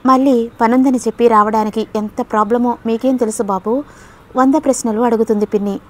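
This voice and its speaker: A shy, gentle young woman in an audiobook tale, voiced by a woman narrator. She speaks softly and hesitantly in a fairly high voice, and even her reproaches come out mild. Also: a little fast, close to an everyday voice. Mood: put-upon. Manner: soft, hesitant, quietly reproachful.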